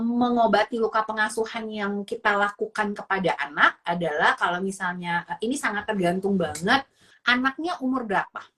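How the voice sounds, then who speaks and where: A woman psychologist with an Indonesian accent and a mid-range, slightly bright voice gives casual parenting advice. She mixes in English phrases and acts out lines for both parent and child.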